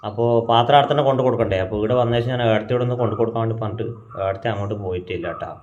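A man's voice: fairly low pitch, racing. Chatty man with a North Malabar accent. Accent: North Malabar Malayalam. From Kannur, Kerala. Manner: chatty, explains things to viewers, calls out loudly to his grandmother. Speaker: family vlogger. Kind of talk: casual vlog narration. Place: family home. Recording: dull lo-fi sound.

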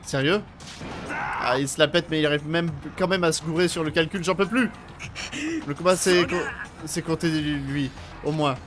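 French streamer, fairly high voice, reads game dialogue and reacts in between. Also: male voice, normal speed, noisy background. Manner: lively, switches between narration and reactions. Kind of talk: let's play, reading game text aloud. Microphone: studio microphone.

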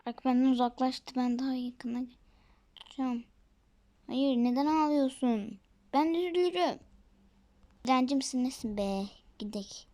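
A woman's voice: high voice, normal speed, pauses often, mellow. A woman casually commenting on her game for viewers, chatty and often dropping to a whisper. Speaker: gaming video creator.

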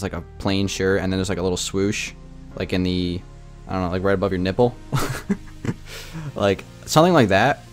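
A young man talks in a loose, rambling way on a gaming livestream, packing his sentences with "like" as he rants. His voice sits fairly low. Faint music plays quietly behind him. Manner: rambling, heavy use of filler "like", animated ranting. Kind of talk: casual livestream chat.

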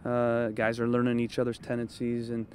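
A man in his thirties, a head coach, giving a measured postgame interview outdoors at night, with lots of "you know" and "um" as he thinks. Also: mid-range voice, monotone, a little mellow, a little hiss or hum. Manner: thoughtful, measured, frequent fillers. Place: outdoors at a training field at night. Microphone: handheld interview mic held close.

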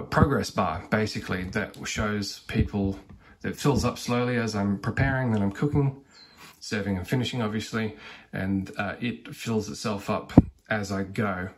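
A man in his thirties talks through his home kitchen streaming gear in a relaxed, conversational walkthrough. His voice sits a little low. He fills pauses with "uh" and "um" as he moves from one piece of kit to the next. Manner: relaxed, conversational, frequent fillers. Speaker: cooking streamer. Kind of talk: casual tech walkthrough.

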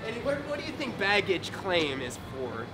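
A man's voice: sits high, huge pitch swings, normal speed, a loud crowd. A young man chatting in a car at an airport, teasing and swearing, often sounding exasperated. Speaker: friend on the vlog. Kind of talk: casual chat. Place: in a vehicle at an airport.

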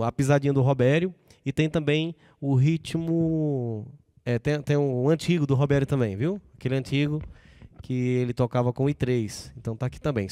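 A man's voice: medium pitch, dark tone, dry recording. A man from Brazil casually demonstrating keyboard sounds and rhythms, chatting straight to his viewers. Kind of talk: casual product demo. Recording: dry close recording with keyboard music underneath. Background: keyboard music playing.

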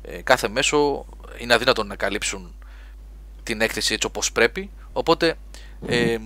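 A man hosting a live gaming webcast, chatting lively and reading listener questions aloud. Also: medium pitch. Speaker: podcast host.

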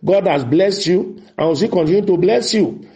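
A man's voice: sits high, lively intonation, normal speed, warm tone. A man, a radio pastor declaring prayers in short commanding phrases and reading out listener letters to answer them. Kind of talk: prophetic prayer and counseling on radio. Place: radio studio.

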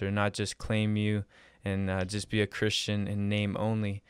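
A man's voice: on the low side, clear, resonant tone, no echo. A young man, a pastor co-hosting a podcast, praying earnestly and chatting in a small studio on a close mic. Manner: earnest, with frequent fillers in prayer. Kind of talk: prayer and casual podcast chat.

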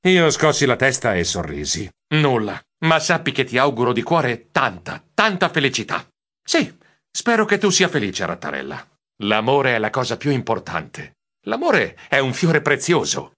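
A man narrating an audiobook as a nervous, romantic male mouse, with expressive exclamations that swoop up high. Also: full character voice.

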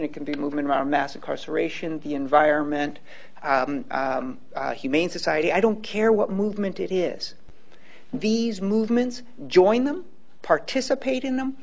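A man's voice: sits high, vocal fry. Earnest man lecturing in a hall. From Hawaii. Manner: earnest, emphatic, repeats words when starting a point. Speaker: law professor giving a public lecture. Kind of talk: public lecture and Q&A. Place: large lecture hall, indoors. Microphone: handheld microphone.

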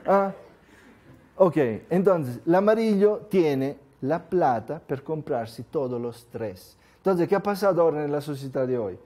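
Male lecturer, slightly high mellow voice, lively, acts out examples for the crowd. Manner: lively, asks the audience rhetorical questions. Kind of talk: live lecture to an audience.

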